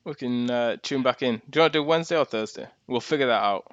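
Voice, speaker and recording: A man's voice: medium pitch, fast talker, no room sound. A man with a Yorkshire accent talking casually as a podcast host. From Yorkshire, England. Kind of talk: casual chat. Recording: dull, lo-fi audio.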